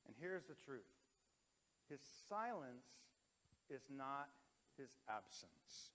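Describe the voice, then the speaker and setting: A pastor in his thirties delivering a sermon in a church, swinging between loud emphatic lines and hushed, quiet ones. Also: medium pitch, big pitch swings, slow. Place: church sanctuary. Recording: long hall reverb.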